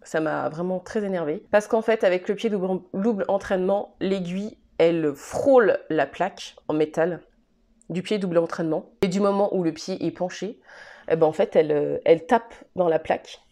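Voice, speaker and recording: A woman's voice: on the low side, moderate pace, mellow. A woman chatting casually in a home sewing vlog, exasperated and laughing at her own mistakes. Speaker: sewing vlogger.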